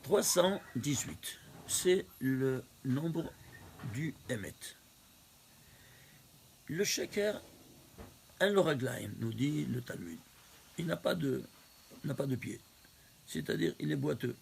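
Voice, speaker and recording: A man's voice: mid-range voice, lively intonation, slow pace, vocal fry, long pauses, slight background noise. A rabbi teaching a Torah class, counting out numbers step by step and putting questions to his listeners. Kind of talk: lively recorded Torah lesson.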